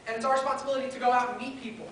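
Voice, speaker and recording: Racing through a sermon at a pulpit microphone, a woman earnestly stacks up her points in short, listed phrases. Her high-pitched voice holds a steady tone and sounds fairly bright. The recording is distant, in a very echoey hall, with faint hiss.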